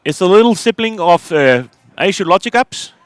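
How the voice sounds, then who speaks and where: Middle-aged man, conference talk on stage, fairly high voice, dry close sound. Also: lively intonation, moderate pace, clean tone, dry recording. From Iceland. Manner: hesitant, many fillers and restarts. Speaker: conference speaker.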